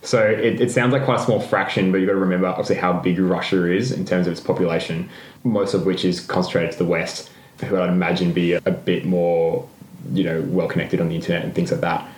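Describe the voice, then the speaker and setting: Man, casual podcast chat, very low voice, roomy echoey sound, rambling. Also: little pitch movement, fast talker, slight background noise. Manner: rambling, laughs often, self-correcting. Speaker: podcast co-host. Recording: roomy echo.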